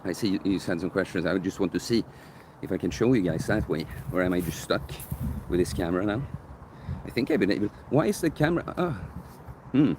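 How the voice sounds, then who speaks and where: Streaming live from a park near sunset, a young coach with a deep bass voice chats casually through viewer questions, speaking in an animated, brisk way while rambling and self-correcting. His handheld phone camera picks up a noisy background.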